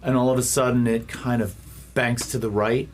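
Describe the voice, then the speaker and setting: A man improvising narration as game master of a tabletop game, in descriptive, stop-start phrases with dramatic pauses. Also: mid-range voice, flat delivery, a little hiss or hum.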